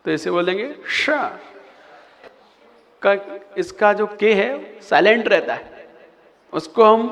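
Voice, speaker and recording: High-voiced monk teaching chant in hall. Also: male voice, gravelly, fairly bright tone. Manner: slow, patient, chants verses between explanations. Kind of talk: recitation lesson. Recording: long hall reverb.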